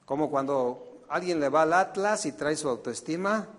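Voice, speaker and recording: A man preaching a sermon as pastor, firing questions at the congregation and swinging between loud emphatic peaks and quiet asides. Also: fairly high pitch, lively intonation, moderate pace, in a large hall. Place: church.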